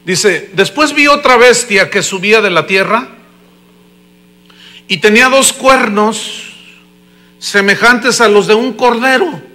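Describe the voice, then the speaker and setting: Mexican male pastor, high bright voice, animated sermon delivery, quiet mains hum behind. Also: takes it slowly, long pauses. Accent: Mexican Spanish. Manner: animated storytelling, swings between loud emphasis and hushed asides.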